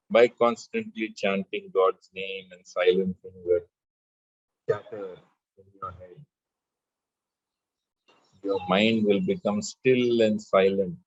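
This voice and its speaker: A man teaching spiritual lessons in a measured way, chanting scripture verses between his explanations. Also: on the low side, no echo, lo-fi sound. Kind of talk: spiritual discourse with scripture recitation.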